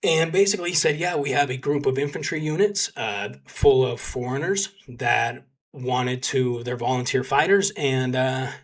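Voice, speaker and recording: A man's voice: medium pitch, normal speed. A young man from Texas, a volunteer combat medic, telling his story in a rambling, casual way full of fillers. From Texas, United States. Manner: rambling, filler-heavy, animated when quoting others.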